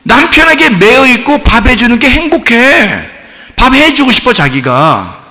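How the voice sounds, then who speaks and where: Pastor guy preaching, bright edgy voice that jumps all over, lots of gravel, big hall echo. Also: very high-pitched, measured pace. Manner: animated, acts out voices of spouses in quoted asides. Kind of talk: lively conversational sermon. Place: church sanctuary. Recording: long church hall reverb.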